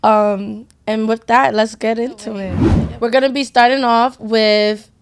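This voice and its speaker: A woman's voice: fairly high pitch, steady tone, unhurried, smooth. A woman co-hosting a podcast, talking casually in a playful, teasing, brash way. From United States. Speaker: podcast co-host. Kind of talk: casual chat.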